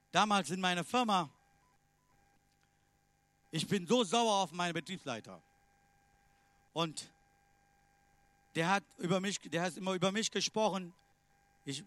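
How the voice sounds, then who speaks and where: A man preaching a sermon in non-native German phrasing, emphatic, swinging between loud declarations and quiet asides. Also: high voice, no echo.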